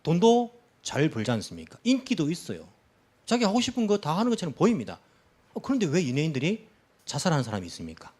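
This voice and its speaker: A man's voice: fairly high pitch, wildly swooping pitch, fast talker, darkish tone, husky. A middle-aged man, a pastor, preaching a sermon in church, chatting with the congregation through questions and little acted-out quotes.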